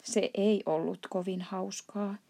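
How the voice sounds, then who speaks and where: A woman voicing a small, brave young girl in a storybook reading, quiet and matter-of-fact. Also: medium pitch, fairly even intonation, vocal fry.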